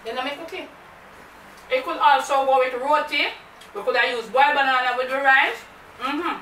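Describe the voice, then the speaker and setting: A woman's voice: sits high, moderate pace, pushed and bright. A woman with a Jamaican accent hosting a mukbang vlog, chatting to camera and slipping into patois. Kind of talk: casual chat to camera. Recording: echoey room, mic far off, faint noise.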